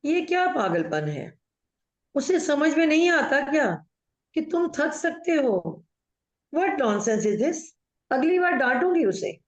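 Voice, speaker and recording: A woman's voice: high voice, big pitch swings, takes it slowly, heavily acted. A woman acting a chatty, bossy middle-aged aunt in a play over a video call, mixing in English while she tells family stories. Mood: scolding. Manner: mixes Hindi with English, gossipy storytelling. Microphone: video call audio. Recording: echoey room, dull muffled audio.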